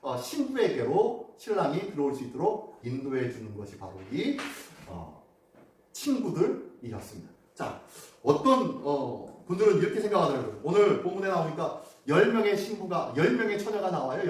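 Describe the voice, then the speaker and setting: A man preaching a sermon as pastor, often putting questions to the congregation. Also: high-pitched. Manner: animated, asks the congregation questions. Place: church sanctuary. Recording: echoey church hall, mic off at a distance.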